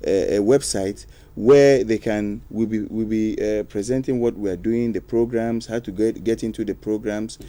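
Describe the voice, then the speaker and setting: A man's voice: lowish voice, fairly even intonation, moderate pace, few pauses, mellow. A man answering interview questions as a studio guest, hesitant with many fillers. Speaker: studio guest, youth program official.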